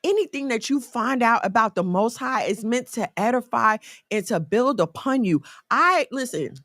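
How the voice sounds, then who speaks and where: A woman in her forties giving casual, animated faith talk in a conversational, folksy way. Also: fairly high pitch, normal speed, dry recording. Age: 40s.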